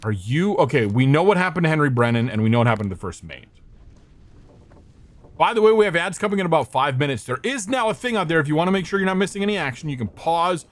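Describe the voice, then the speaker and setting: A man's voice: a little high, sing-song, fast talker. A young man streaming a game, thinking aloud in a scattered way, swearing now and then and greeting his chat. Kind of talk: casual gameplay commentary.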